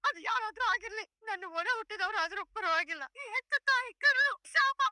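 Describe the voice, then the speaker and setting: A woman's voice: very high-pitched, fast talker, sharp tone, dry recording, heavily acted. An actress playing a middle-aged mother who laments and curses over her arrested son. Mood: grieving. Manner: lamenting, cursing.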